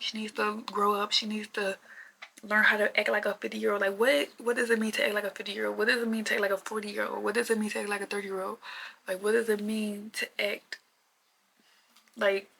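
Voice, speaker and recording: Young woman vlogger in her twenties, casual rambling rant, bright gravelly fry, flat delivery. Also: medium pitch, rough recording. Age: 20s. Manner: chatty, repetitive, lots of "like" fillers.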